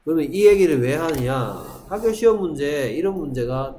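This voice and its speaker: A man's voice: on the high side, expressive, brisk, mellow, slight background noise. A middle-aged man teaching English vocabulary to a middle school class, repeating each word and asking rhetorical questions. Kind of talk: classroom lecture. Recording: echoey classroom with faint ambience.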